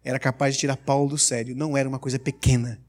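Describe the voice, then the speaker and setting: A man preaching a sermon, emphatic and energetic, asking the congregation rhetorical questions. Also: medium pitch, rapid-fire.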